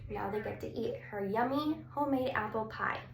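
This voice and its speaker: With a fairly high, creaky voice at a moderate pace, a woman reads a picture book aloud to small children, elongating words and asking them questions. The audio carries a roomy echo and some background noise.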